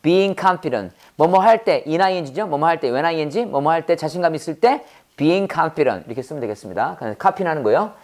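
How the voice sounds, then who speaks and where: A woman's voice: sits low, animated, normal speed, darkish tone. A woman teaching English vocabulary in a lecture, repeating each word and using playful sound-alike puns.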